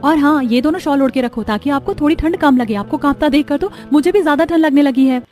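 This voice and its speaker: A woman gives voice to a chirpy teenage girl in a cartoon, eager and pleading. Her voice is bright and high, and she rattles the lines off over light music. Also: fast, natural voice. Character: cheerful teenage girl, sister-in-law. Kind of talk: cartoon voice acting.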